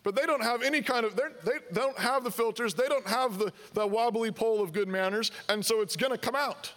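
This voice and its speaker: A man preaching a sermon with a high voice for a man. His tone is bright and forceful. He talks conversationally, asking questions and voicing objections from his listeners. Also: fairly quick. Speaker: pastor.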